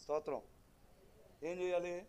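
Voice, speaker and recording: A man's voice: sits high, steady tone, a little slow, clean tone. A man with a Telugu accent, preaching a sermon as pastor in a church and talking now and then to his congregation. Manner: preaching with sudden loud rises and quiet asides to the congregation. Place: church hall.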